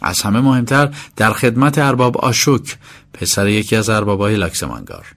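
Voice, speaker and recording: A man's voice: on the low side, lively intonation, fairly bright tone. A man reading a novel as an audiobook, telling a first-person story. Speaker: narrator. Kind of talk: audiobook narration.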